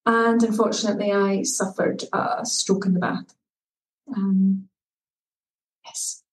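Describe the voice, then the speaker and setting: Speaking slowly with little pitch movement, a Scottish woman in her thirties talks earnestly and reflectively as a podcast guest; she's a well-being coach calling remotely from home in Turkey. Her medium-pitched voice is off-mic in an echoey room, with faint music and a little hiss or hum.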